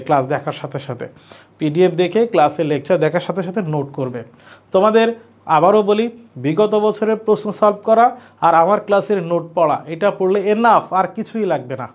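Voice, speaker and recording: A man teaching an online grammar class, explaining slowly, repeating points and asking his students questions. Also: high voice, darkish tone. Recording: dull lo-fi recording.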